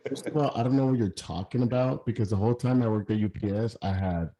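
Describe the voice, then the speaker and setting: A man with a low, mellow voice, hoarse and worn from being sick. He co-hosts a relaxed podcast chat, trading easygoing banter with an old friend. He sounds like he is on a video call. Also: quick pace. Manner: laid-back, defensive banter. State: sick with a sore throat. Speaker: podcast co-host. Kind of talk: casual chat.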